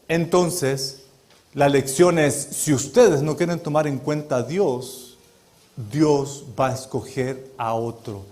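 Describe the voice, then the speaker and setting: High-voiced, dramatic male preacher. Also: steady tone, slow pace, a little mellow. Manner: dramatic, emphatic, asks the congregation "¿Sí?". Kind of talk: sermon.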